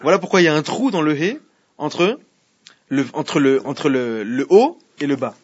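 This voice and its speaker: A man's voice: fairly high pitch, animated, moderate pace, husky. A man teaching a Torah class to students, often asking them questions and repeating himself as he explains. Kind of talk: Torah class in French with Hebrew readings. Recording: muffled lo-fi classroom recording.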